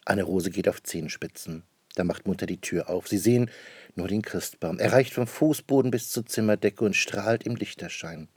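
A man with a fairly low voice reads a children's Christmas story aloud in a measured, storytelling manner. The recording is dry and close with no room sound. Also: husky, no echo.

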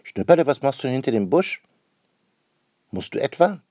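A man's voice: mid-range voice, sing-song, normal speed, a little mellow, no echo, studio quality, voice pushed up, close to an everyday voice. A man voicing a bossy schoolgirl who scolds her little brother in a storybook reading. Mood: scolding. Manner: scolding, indignant.

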